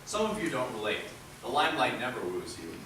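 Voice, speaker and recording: A readers' theatre performer gives a dramatic, preacher-style reading of a script, his medium-pitched voice very animated and fairly quick. The sound is distant and echoey, as if in a hall, with loud background noise.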